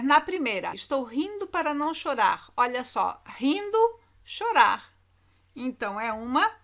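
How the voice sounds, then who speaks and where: A woman's voice: fairly high pitch, fairly bright tone. A Brazilian woman teacher giving a recorded lesson to children, repeating key words with emphatic intonation. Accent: Brazilian Portuguese.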